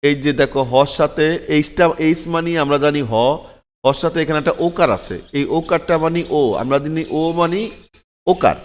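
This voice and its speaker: A man's voice: on the high side, fairly even intonation, moderate pace, in a large hall. A man teaching English letter sounds, spelling words out letter by letter and repeating them patiently, often checking in with his learners.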